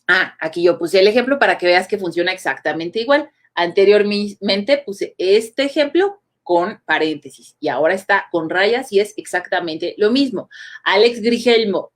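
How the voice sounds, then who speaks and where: A woman, giving a casual, playful online grammar lesson and chatting to her viewers as comrades. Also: medium pitch. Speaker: spelling and grammar teacher.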